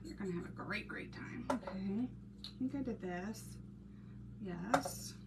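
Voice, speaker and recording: A woman's voice: mid-range voice, unhurried, creaky. A woman with a Texan accent chatting casually on a live stream while she paints crafts, laughing often and greeting viewers by name. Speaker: craft channel host reading live chat. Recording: noisy background hiss.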